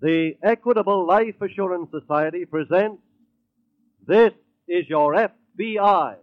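A man's voice: high voice, unhurried. An American man announcing a vintage radio program from a script in a formal, declamatory way. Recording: dull old radio recording with music.

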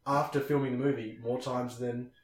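A man chatting casually on a podcast, relaxed as he tells an anecdote. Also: medium pitch, moderate pace. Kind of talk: casual chat. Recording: roomy echo.

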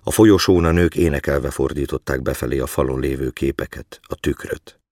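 A man calmly reading a story aloud in a measured way. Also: rumbling low, dry recording, clean studio sound. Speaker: narrator. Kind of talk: scripted story narration.

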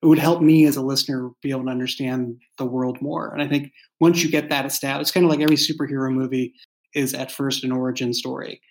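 A quick-paced man with a mid-range voice and fairly even intonation talks casually about his audio drama, which he wrote and created. His behind-the-scenes remarks come out thoughtful, hesitant and rambling.

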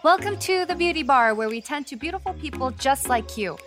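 A woman's voice: high-pitched, expressive, a little fast, over loud music. A woman hosting a podcast, chatting enthusiastically with a guest and filling her talk with casual "like"s. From Los Angeles, USA. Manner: chatty, enthusiastic, many likes. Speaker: podcast host. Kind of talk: casual chat.

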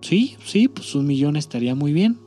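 A poor, humble carpenter with a Mexican accent hems and stammers through his words, as a man plays him in a told story. His voice sits a little high, with faint music behind. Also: sing-song, moderate pace, mellow. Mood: hesitant. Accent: Mexican Spanish. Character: poor, hesitant male carpenter.

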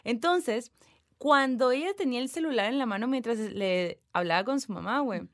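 A woman's voice: fairly high pitch, moderate pace, no echo. Brief: young Mexican woman, podcast co-host, slangy storytelling, close dry mic. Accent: Mexican Spanish. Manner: slangy, animated retelling with acted whispers. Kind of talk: casual storytelling.

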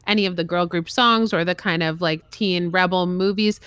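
A woman interviewing a songwriter, asking long, soft questions. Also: fairly low pitch, fairly even intonation, moderate pace, clear, resonant tone, dry recording.

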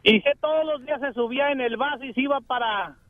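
Rambling Mexican caller on the phone. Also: male voice, very high voice. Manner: rambling, halting. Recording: tinny phone line.

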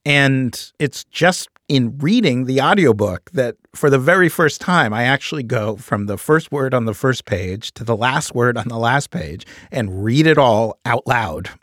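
A middle-aged author with a New York accent speaks in a thoughtful, earnest way, with an easy chuckle now and then. He is recorded close on a studio microphone in a dead, dry booth. His voice sits at an ordinary middle pitch for a man. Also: animated, unhurried, hardly any pauses, a bit bright, no echo. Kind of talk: reflective interview monologue.

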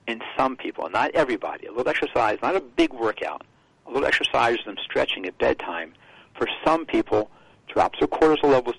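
A man talking as a health guest on a radio show, explaining in a halting way with restarts. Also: medium pitch, gravelly, husky, no echo, poor audio.

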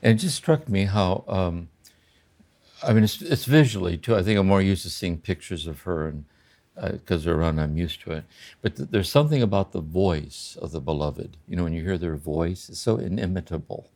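An older man in a slow, contemplative spiritual conversation, often checking in with "See?". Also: deep voice, animated, a little mellow. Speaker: podcast host and spiritual teacher.

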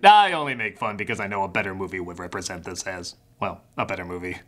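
A man's voice: low-pitched, steady tone, fast, bright, forceful tone. A man giving a sarcastic comedic film review, jumping into exaggerated mock voices.

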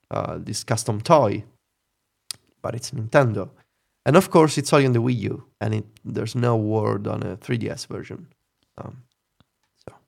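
A man in his thirties talks in an easy, opinionated podcast chat. His voice carries a gravelly rasp. He sounds wry and reflective, with some laughter running through his talk. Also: mid-range voice. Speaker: podcast co-host. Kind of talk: casual chat.

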